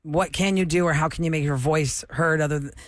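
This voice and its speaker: A man hosting a radio interview, conversational and quick to chime in with agreement. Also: fairly high pitch, steady tone, no room sound, clean studio sound. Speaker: radio show host. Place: radio studio.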